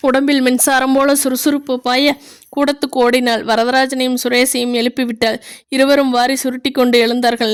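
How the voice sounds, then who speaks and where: High, smooth-voiced woman narrator. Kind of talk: storybook narration.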